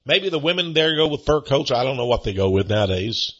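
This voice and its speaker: An older man preaching a sermon as pastor, earnest and slow, chuckling between points. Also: medium pitch, lively intonation, a bit bright. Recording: dull lo-fi recording.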